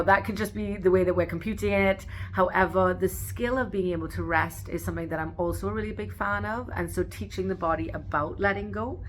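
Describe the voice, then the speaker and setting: A woman who works as an osteopathic manual practitioner, giving a calm, gentle educational talk with a few fillers. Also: lowish voice, slight background noise. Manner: calm, gentle explanatory delivery with occasional fillers.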